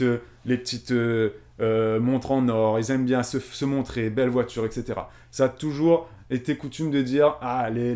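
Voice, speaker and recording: A man from Réunion hosts a casual live stream, reading his chat's comments and replying in an earnest, musing way. He thinks aloud in long, winding sentences at a middling pitch for a man. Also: darkish tone. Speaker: streamer and co-host.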